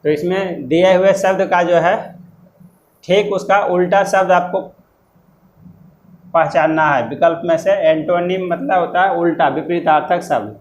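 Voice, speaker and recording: A man teaching an exam-prep lesson, explaining words slowly and spelling them out letter by letter, with loose, repetitive phrasing. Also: high-pitched, roomy sound, lo-fi sound, slight background noise.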